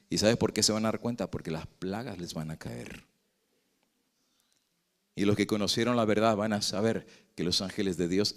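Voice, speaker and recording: A male pastor preaching with sweeping swings in force, from loud emphatic declarations to low, hushed intensity. He keeps asking rhetorical questions of his listeners and slips English words into his sermon. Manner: mixes English words into Spanish.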